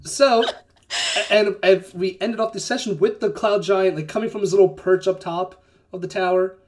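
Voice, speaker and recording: A woman's voice: medium pitch, steady tone, normal speed, a little mellow. A woman running a tabletop game as game master, narrating casually, swearing and laughing often.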